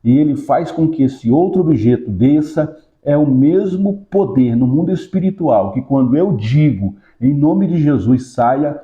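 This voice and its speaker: Man, pastor-teacher, deep mellow tone, patient step-by-step explainer, echoey room. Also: animated, moderate pace, few pauses, dull audio. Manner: raises pitch in rhythmic command when casting out. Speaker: pastor and Sunday school teacher. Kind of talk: Bible lesson with a hands-on demonstration.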